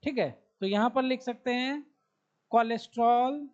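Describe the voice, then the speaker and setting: A man's voice: very high-pitched, normal speed, clean tone. A man with a Bihari Hindi accent teaching a biology class. He asks the students questions, answers them himself and repeats key terms as he writes them on the board. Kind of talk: classroom lecture. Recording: dull lo-fi classroom recording.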